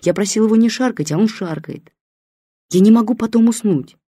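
A woman's voice: medium pitch, brisk, mellow, husky, no echo, studio quality, voice pushed up. A woman reading as a distressed grown daughter complaining about her father, exasperated and pleading.

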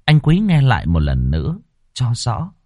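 A man narrating a ghost story in a dramatic, expressive reading style. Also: mid-range voice, normal speed, no room sound, clean studio sound.

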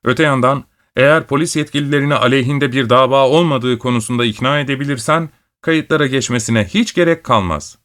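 A man voicing a clever, dry-witted male detective who speaks briskly and wryly. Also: mid-range voice, fairly bright tone, natural voice.

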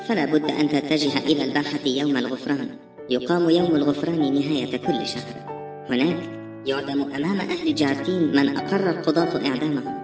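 A woman reading a novel aloud in a brisk, steady storytelling manner. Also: a bass voice. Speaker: audiobook narrator. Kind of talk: scripted novel narration. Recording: roomy echo, distant mic, faint music.

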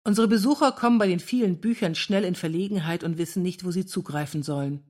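Woman reader doing a sad, bitter male librarian-scholar in a read-aloud story; keep the voice lowish. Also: quick pace, a little mellow, natural voice. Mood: gloomy. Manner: gloomy, bitter. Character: melancholy man, scholar and librarian.

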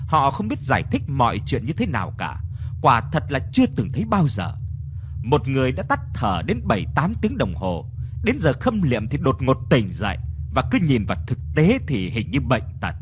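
A man reading a horror story aloud in a dramatic, measured way. His pitch swings widely through the lines, with faint background noise. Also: huge pitch swings. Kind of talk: scripted horror story narration.

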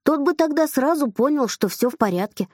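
A woman narrating a novel in a calm storytelling voice, lightly voicing the characters' lines. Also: high-pitched, fairly quick, no echo, clean studio sound. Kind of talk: audiobook reading of a novel.

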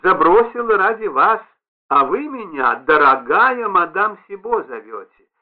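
A man's voice: sits high, very animated, unhurried, pitched above the performer's own voice. A man reading aloud and voicing a stout, fussy middle-aged concierge woman who talks in a wheedling, reproachful, effusive way. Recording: tinny band-limited radio broadcast.

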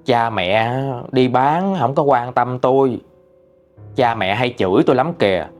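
A man's voice: medium pitch, unhurried, soft background music. Man chatting through a ghost story. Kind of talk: reading a listener's ghost story.

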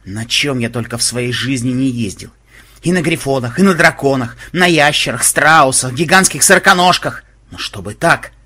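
A husky-voiced man voicing a hot-headed, stubborn male warrior who yells and blusters. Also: mid-range voice, lively intonation, normal speed. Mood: baffled. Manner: yelling in bursts, blustering.

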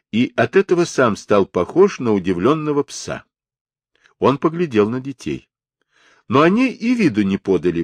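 Expressive man reading an audiobook. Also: on the low side, no room sound. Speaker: audiobook narrator. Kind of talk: audiobook narration.

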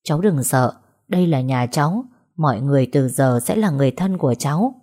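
A woman voicing a calm, gentle middle-aged man in an audio story. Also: low voice, a little fast. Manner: gentle, reassuring.

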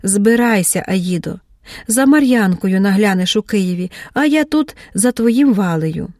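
A woman's voice: mid-range voice, lively intonation, a little slow, a little mellow, no room sound, clean studio sound, natural voice. A woman doing a blunt old village grandmother. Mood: wry.

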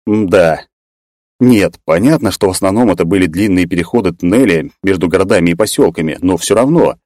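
A man narrating a first-person fiction audiobook, musing aloud and breaking into excited exclamations. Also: deep voice, fast talker, no echo, studio quality.

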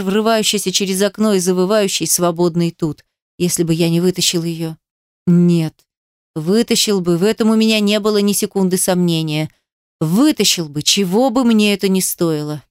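A woman narrating a story in a steady, measured reading. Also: mid-range voice, clear, resonant tone, no room sound, studio quality. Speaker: audiobook narrator. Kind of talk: storybook narration, first person.

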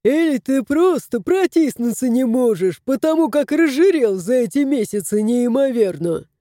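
A woman's voice: high voice, expressive, moderate pace, dark tone, no echo, clean studio sound. A woman voicing a wry, teasing male house spirit in an audiobook. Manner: mocking, teasing.

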